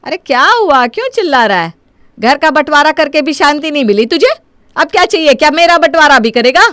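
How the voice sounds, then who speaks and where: A woman voicing a stern mother who scolds her grown son in an animated story. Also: mid-range voice, quick pace, no echo, clean studio sound, close to an everyday voice. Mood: scolding. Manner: scolding, sharp.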